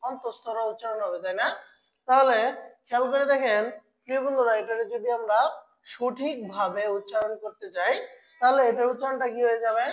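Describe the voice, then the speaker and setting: Brief: female tutor, slightly high voice, quizzes the class and answers her own questions. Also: steady tone, low-quality recording. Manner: asks the class questions and answers them herself; slow, drawn-out spelling of syllables. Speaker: Korean language teacher. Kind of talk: online language lesson.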